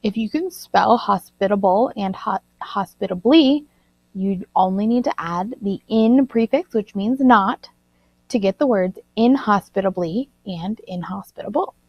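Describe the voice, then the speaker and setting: A woman teacher recording a vocabulary lesson, slowly enunciating and spelling out words. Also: medium pitch, no room sound. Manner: slow, deliberate word-by-word spelling and enunciation. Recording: dull lo-fi recording.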